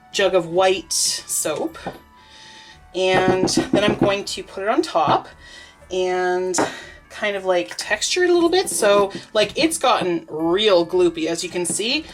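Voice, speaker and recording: Medium-pitched and captured on a rough recording, this young woman chats her way through soapmaking in a relaxed vlog. She sounds congested and sniffly, laughs a lot, and wanders off with lots of filler words.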